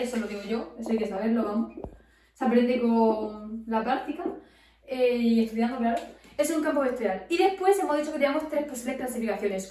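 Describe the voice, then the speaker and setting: A woman's voice: on the high side, a little mellow. A woman tutoring physics to students, explaining step by step and often checking in with questions. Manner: asks and answers her own questions, frequent "¿vale?" checks. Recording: very echoey room, distant from the mic.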